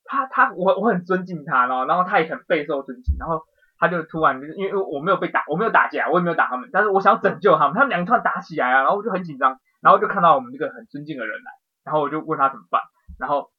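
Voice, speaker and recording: A man telling a strange dream in excitable casual podcast chat, swearing now and then. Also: a little high. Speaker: podcast co-host. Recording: dull lo-fi podcast audio.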